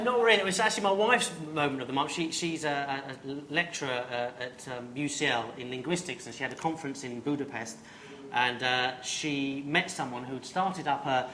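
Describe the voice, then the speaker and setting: A man rambles haltingly through a story and plays down his own tale, his bright voice carrying the echo of a roomy live venue. Faint background hum. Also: mid-range voice. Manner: hesitant, rambling, self-deprecating. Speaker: comedian panelist. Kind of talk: live panel show chat.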